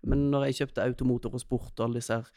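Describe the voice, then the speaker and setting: A man in his thirties, a podcast guest, telling stories in an animated way in casual chat. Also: mid-range voice, dry recording, clean studio sound. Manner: animated, laughing storyteller.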